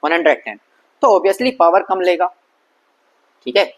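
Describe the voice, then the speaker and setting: In a high-pitched voice, a man gives a casual Hindi science lesson, chatting in a relaxed way and posing questions he then answers himself. He mixes in English terms and reads English lines slowly.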